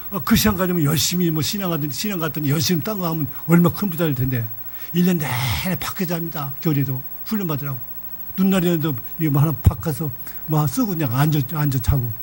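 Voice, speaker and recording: An older man preaching a sermon in a church, telling a story in a lively, folksy way. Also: on the high side, husky. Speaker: pastor.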